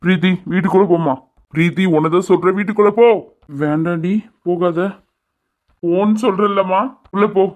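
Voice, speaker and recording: A man's voice: a little high, brisk, lightly acted. A man voicing a furious, protective middle-aged father in a cartoon, scolding hard. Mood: stern. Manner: angry scolding, shouting orders. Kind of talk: cartoon voice acting. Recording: tinny phone-like lo-fi audio.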